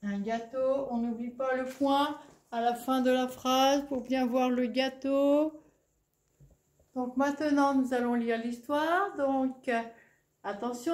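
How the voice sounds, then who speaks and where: Woman, high voice, slow patient teacher, reading lesson for young kids, echoey room.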